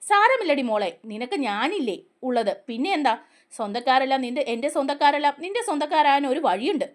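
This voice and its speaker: A woman's voice: high-pitched, lively intonation, fast. A woman reading the lines of an affectionate young woman who reassures a friend, in a fond tone. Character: warm young woman, affectionate older-sister type. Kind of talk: storytelling dialogue.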